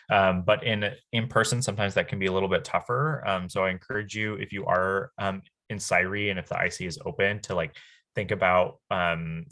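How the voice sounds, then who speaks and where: A man giving a staff training talk over a video call, earnest, with frequent "um" pauses and restarts. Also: deep voice, fairly bright tone.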